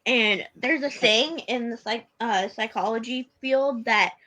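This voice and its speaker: A woman's voice: on the high side, sharp tone, rough recording. A woman co-hosting a casual podcast, chatting eagerly about a TV episode. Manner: chatty, enthusiastic, quick laughs. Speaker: podcast co-host. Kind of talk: casual episode recap chat.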